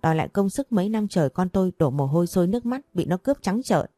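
A woman voicing an angry older father who speaks in rapid, furious bursts. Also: lowish voice, lively intonation, dry recording. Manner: furious, rapid shouting threats.

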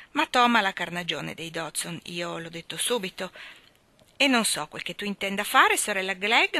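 A woman's voice: mid-range voice, pushed and bright, dry recording. A woman reading aloud, voicing a gloomy, fussy older aunt who talks in a plaintive way.

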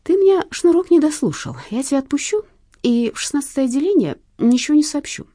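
Woman reader doing a sly veteran cop, mellow tone, dry and cutting. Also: high voice, sing-song, quick pace, dry recording, voice pushed up. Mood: calmly threatening. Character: shrewd older male ex-cop, calm and cunning.

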